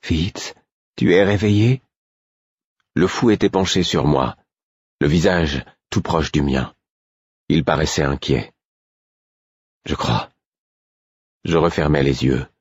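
Deep husky male audiobook narrator. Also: dry recording. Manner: measured, dreamy storytelling. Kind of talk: first-person novel narration. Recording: dull, dry audiobook recording.

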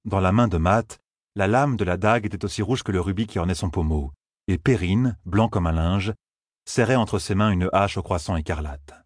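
A male narrator with a low, husky voice reads a fantasy audiobook at a measured, steady pace. The sound is dry and close, with no room around it. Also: no room sound. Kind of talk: scripted narration.

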